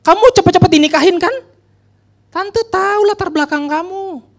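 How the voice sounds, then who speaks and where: A man's voice: normal speed, gravelly. Man playing a furious accusing mother. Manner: shrill, accusing. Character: furious middle-aged mother scolding her son's fiancée.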